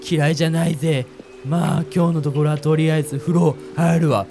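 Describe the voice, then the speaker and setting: A man's voice: a little high, steady tone, fairly quick. A young man chatting casually and reacting jumpily as he plays a horror game, with game music behind.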